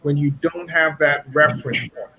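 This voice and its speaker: A man's voice: a little high, steady tone, moderate pace, sharp tone, low-quality recording. A man from Trinidad with a Trinidadian accent, a pastor and guest, telling his story in an earnest, reflective way. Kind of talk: casual chat.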